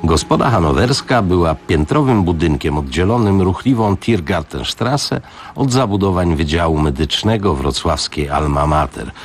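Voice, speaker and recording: Deep-voiced expressive male radio reader. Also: a little hiss or hum. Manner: expressive, dramatic reading. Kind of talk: scripted narration of a novel.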